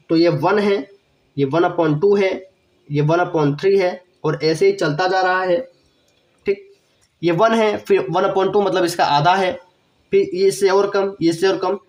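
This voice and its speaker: A man's voice: fairly high pitch, a little mellow. A young man teaching math in an online lecture, a little unwell with a cough, explaining step by step, repeating key phrases and asking the viewer questions. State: has a cough, feeling unwell.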